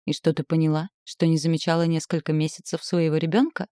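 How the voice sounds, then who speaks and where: A woman's voice: deep voice, quick pace, no room sound, studio quality, natural voice. A woman reading a cold, sneering man. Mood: cold menace. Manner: calm, sneering and threatening. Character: cold, menacing man, the captor's brother.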